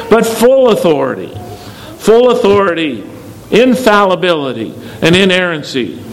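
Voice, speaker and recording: A man's voice: mid-range voice, a little hiss or hum, low-quality recording. A man leading a church congregation as pastor, preaching emphatically and repeating key words for stress. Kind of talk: sermon.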